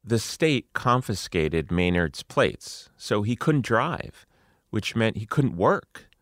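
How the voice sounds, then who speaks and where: A male podcast host telling a story in measured, scripted narration. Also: fairly low pitch, sing-song, a bit bright, no room sound, clean studio sound.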